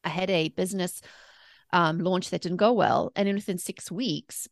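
On the lower side and with some vocal fry, a fortysomething South African woman talks at a normal speed. She is a mindset coach and author guesting on a podcast, and she recounts personal stories in a conversational, emphatic way. The sound is clean studio audio with no echo.

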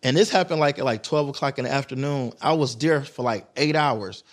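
A man from Detroit telling a wild story as a podcast guest, in a rapid, excitable, slangy way. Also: medium pitch. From Detroit, USA. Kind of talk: animated storytelling.

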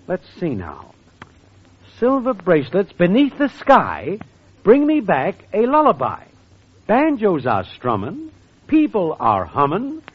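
A man playing a brash, wisecracking young schemer writing a song, with a husky voice, in 1940s radio comedy style, on a dull old recording. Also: sits high, wildly swooping pitch, slow, full character voice. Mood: scheming. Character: fast-talking male songwriting schemer.

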